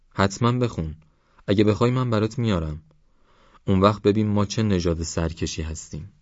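A man voicing a proud, impatient male village schoolteacher who lectures fervently, in a deep, dull-toned audiobook recording. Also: dry recording, lightly acted.

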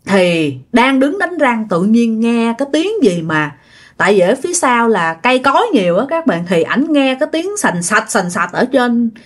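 A woman's voice: on the high side, big pitch swings, moderate pace. A woman with a Southern Vietnamese accent, narrating a ghost story in a chatty way that talks straight to her listeners. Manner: chatty, addresses listeners directly.

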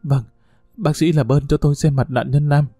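A man's voice: fairly high pitch, steady tone, normal speed, warm tone, no room sound, clean studio sound, soft background music. A man reading the lines of a sobbing, pleading mother in her forties in an audiobook story. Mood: shaky. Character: distraught middle-aged mother in her forties.

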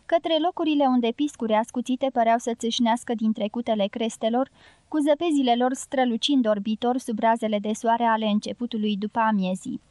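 A woman narrating a novel as an audiobook reader, in an even, measured reading. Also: a little high, no echo.

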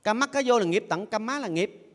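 A man's voice: high-pitched, expressive, fairly quick, fairly bright tone. An older man, a Buddhist monk giving a playful sermon who has his audience repeat phrases after him. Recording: long echoey hall reverb.

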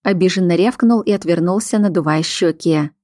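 A woman narrates a first-person audiobook in a weary, wry tone. Her voice sits on the low side. The recording is close and dry. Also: fairly quick, mellow, no echo. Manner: weary, wry inner monologue.

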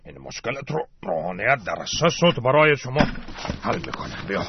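An actor playing a greedy, brusque male cleric who poses as a counselor, talking in a slow, drawling, dismissive way in a radio satire sketch. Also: medium pitch, big pitch swings, crowd noise. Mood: smug. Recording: dull, dry radio studio sound.

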